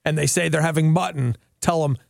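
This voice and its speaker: A man's voice: a little high, a little fast, gravelly, no room sound, clean studio sound. A man co-hosting a casual chat show, wry and joking as he reads out news items. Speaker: co-host.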